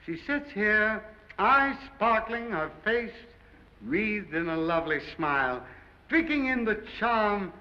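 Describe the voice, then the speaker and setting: Grandiloquent male emcee, 1930s film stage announcing, slow sentimental delivery, reverberant hall, muffled old soundtrack. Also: high voice, animated. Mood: grandly sentimental. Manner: theatrical, grandiloquent, drawn-out phrases. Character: florid, sentimental nightclub master of ceremonies.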